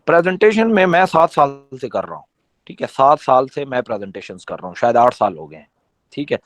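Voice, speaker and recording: A network marketing trainer gives his team a motivational training talk, teaching conversationally and emphatically with lots of rhetorical questions. His voice is mid-range with big pitch swings, and there is no echo.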